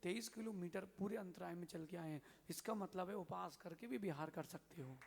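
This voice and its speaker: A man, a Jain monk, giving a sermon and telling a story in a lively way, acting out the characters' lines. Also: high-pitched, moderate pace, vocal fry, background noise. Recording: long hall reverb.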